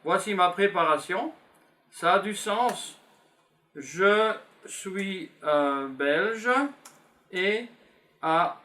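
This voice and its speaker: This Belgian French teacher, a man in his fifties, gives a beginners' lesson in class, slowly and patiently repeating simple phrases as he writes them down. His voice sits high and sounds pushed and bright.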